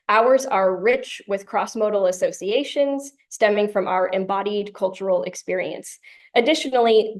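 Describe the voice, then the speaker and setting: A woman presenting a conference tutorial, explaining ideas in a clear lecture style with light humorous asides. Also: mid-range voice, darkish tone. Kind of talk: academic lecture.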